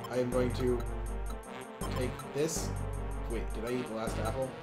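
A man's voice: mid-range voice, level tone, moderate pace. A man co-hosting a let's play with casual, joking, reactive banter. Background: video game music.

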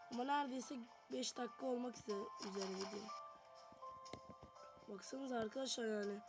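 A woman with a slightly high voice chats to her viewers as she plays through a game, narrating as she goes. Music plays behind her on a low-quality recording.

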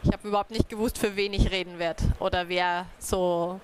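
Her voice is fairly low and steady at a moderate pace, with slight background noise. The young woman, a native speaker whose first language is German, stands on stage in a dark event room giving a small group an informal, hesitant talk about community networks full of fillers.

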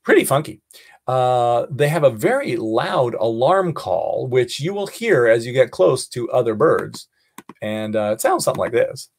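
Male naturalist teacher with an American accent, playful and animated, lively in pitch. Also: measured pace, vocal fry. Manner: playful, animated, asks the class questions. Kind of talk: online class lesson.

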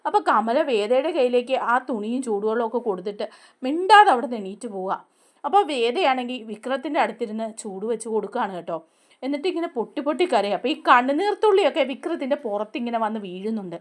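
A woman hosting a chatty recap of a TV serial episode, telling the story in an animated way with frequent conversational tag questions. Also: fairly high pitch, quick pace.

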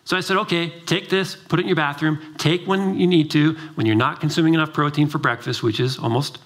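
A middle-aged male doctor gives a conference talk, his voice on the high side and fairly quick. His summit presentation is emphatic and driven, full of animated stories in which he acts out the dialogue.

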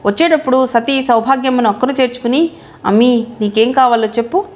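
A woman narrating a novel as an audiobook, reading expressively and changing her delivery for each character's lines. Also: on the high side. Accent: Telugu. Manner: expressive storytelling, slows and lifts for dialogue.

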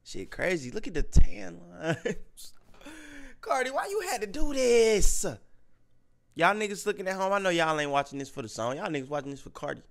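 A man's voice: on the high side, lively intonation, normal speed, creaky, fairly bright tone. A man hosting a reaction video, talking casually with lots of slang and cursing and exclaiming as he watches.

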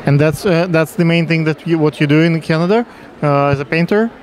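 A man's voice: fairly high pitch, a little fast. A middle-aged man asking questions as an interviewer in an unscripted conversation. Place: indoor art exhibition booth. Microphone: handheld microphone. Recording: noisy exhibition hall ambience.

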